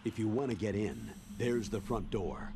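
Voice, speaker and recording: A video game colonel. He briefs with earnest military authority in a fairly low voice. The background is clearly noisy. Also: sing-song, moderate pace. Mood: grave, businesslike.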